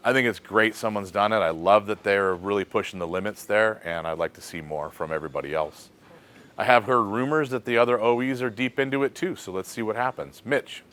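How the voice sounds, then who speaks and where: Low-voiced man hosting casual shop talk. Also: brisk. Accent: American. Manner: relaxed, thinking aloud with fillers. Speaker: host of a shop question segment.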